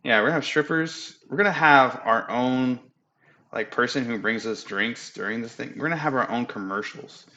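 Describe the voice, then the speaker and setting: A young man hosting a casual podcast chat at home, loose, profane and quick to laugh. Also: medium pitch, sharp tone, highs cut off. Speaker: podcast host. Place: home room.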